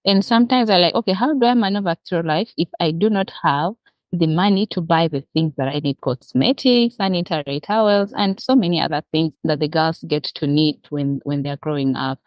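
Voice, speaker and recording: Speaking a little fast in a low-leaning voice, this Ugandan-accented woman from Uganda describes her social work earnestly as an interview guest. The recording is dry, coming through as muffled, dull lo-fi call audio.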